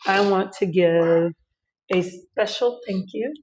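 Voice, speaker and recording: A young woman, co-hosting a casual couple's podcast, animated and laughing often. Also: medium pitch, takes it slowly, a little hiss or hum, rough recording. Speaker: podcast co-host.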